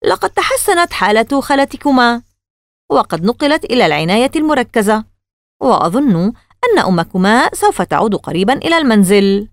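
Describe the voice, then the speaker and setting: A secretive scientist father from a children's story, as a woman reader puts him on, calm and evasive with a mysterious edge. His pitch floats lively around the middle. The recording is dry and close. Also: fairly quick, no echo. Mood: cagey.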